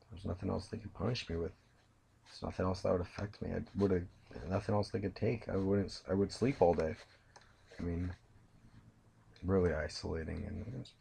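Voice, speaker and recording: A tired young man recounting his life story from bed, speaking haltingly with many pauses and restarts. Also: low voice, creaky, darkish tone, a little hiss or hum. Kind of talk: personal storytelling. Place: in bed at home.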